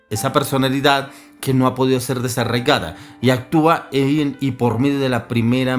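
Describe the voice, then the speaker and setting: A man preaching a sermon, earnest and firing off rhetorical questions. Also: mid-range voice.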